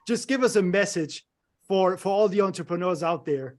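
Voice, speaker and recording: A man's voice: high voice, lively intonation, moderate pace. A man hosting an interview over a video call, hesitant and friendly, with many fillers and non-native phrasing. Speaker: interview host. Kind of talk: conversational interview.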